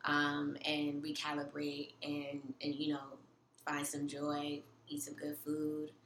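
A woman's voice: deep voice, completely flat delivery, slow, fairly bright tone. Woman, echoey room. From Queens, New York. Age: 30s. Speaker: podcast guest. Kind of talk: casual personal chat. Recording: echoey room, audible background noise.

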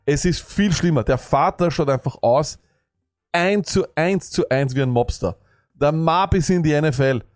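A man's voice: fairly high pitch, moderate pace, no room sound, studio quality. A man co-hosting a fantasy football podcast, ranting and sarcastic, jumping between thoughts. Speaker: podcast co-host. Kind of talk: casual fantasy football chat.

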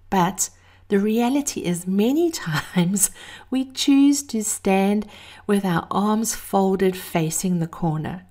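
A woman speaking intimately in a breathy voice, at times near a whisper, as host of a motivational monologue. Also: medium pitch, a little mellow. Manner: intimate, addressing listeners as darling. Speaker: host of a daily encouragement series.

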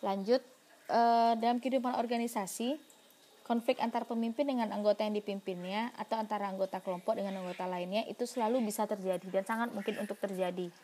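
A woman's voice: medium pitch, fairly even intonation, fast talker, dark tone. A woman giving a university lecture in an explanatory way, asking herself questions and answering them, with frequent fillers.

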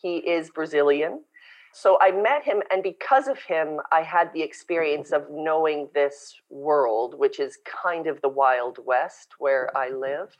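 Woman, Canadian-raised founder, guest on a podcast; low voice, animated storyteller, dull lo-fi call audio. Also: unhurried. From born in South Africa, raised in Canada. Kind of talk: casual interview chat. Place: home in Brazil, remote call.

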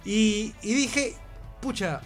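A man's voice: sits high, drawn-out words, music in the background. A man, telling a funny anecdote in slangy, laughing casual chat. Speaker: co-host.

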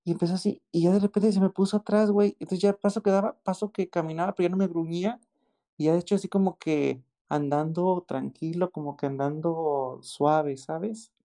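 A man with a Mexican accent telling a story in casual chat, excited and slangy, often repeating exclamations. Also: high voice, a little fast. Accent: Mexican Spanish.

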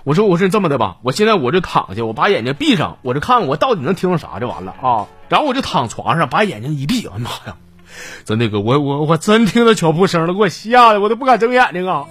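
A man's voice: on the high side, big pitch swings, fast, a bit bright, husky, soft background music. A man with a Northeastern Chinese accent who hosts a comedy show, reading listener stories aloud in a jokey, teasing way and laughing at his own punchlines. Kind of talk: comedic storytelling.

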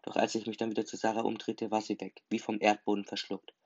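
A man's voice: lowish voice, completely flat delivery, quick pace, darkish tone. A man reading a first-person story aloud as narrator, emphatic in delivery. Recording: dull lo-fi recording.

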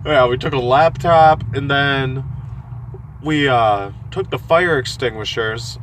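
A man's voice: medium pitch, slow, fairly bright tone. A laid-back man trading stories in casual chat, swearing easily and chuckling between sentences. A faint hiss of noise sits behind his voice. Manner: laid-back, profane, laughs between lines. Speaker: podcast co-host.

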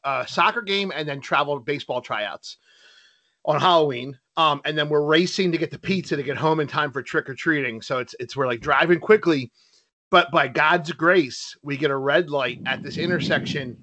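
A middle-aged man chats casually as a podcast co-host. His voice is bright and a touch high, and he tells stories in an animated way with frequent laughs. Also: moderate pace. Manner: animated storyteller, laughs often. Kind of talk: casual chat.

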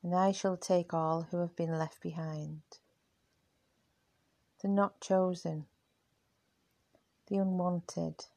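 A woman voicing a compassionate Titan goddess who proclaims slowly and deliberately. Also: lowish voice, gravelly, mellow, no echo, full character voice.

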